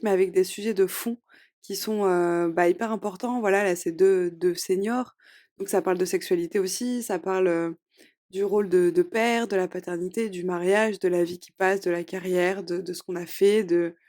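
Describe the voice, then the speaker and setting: A woman's voice: mid-range voice, dark tone. A young woman hosting a solo podcast, reviewing shows in a chatty, hesitant way with many fillers. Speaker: podcast host.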